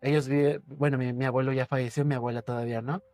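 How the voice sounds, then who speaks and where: A man, a podcast guest telling a personal ghost story with suspense, repeating words and dropping his voice low. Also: little pitch movement, quick pace, a little mellow, no room sound.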